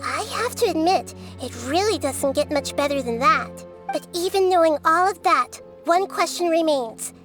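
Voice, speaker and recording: Very high-voiced little wisdom deity Nahida. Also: female voice, lively intonation, moderate pace, few pauses, faint music behind. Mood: calm, knowing. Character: small childlike female deity of wisdom, calm, perceptive. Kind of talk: video game voice acting.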